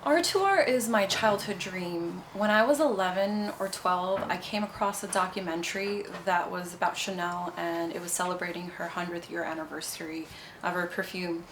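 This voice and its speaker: With noise in the background, a young woman from Nepal, founder of a cosmetics brand, responds to interview questions at normal speed. Her voice sits on the low side, and she comes across bubbly and talkative, using fillers like "you know."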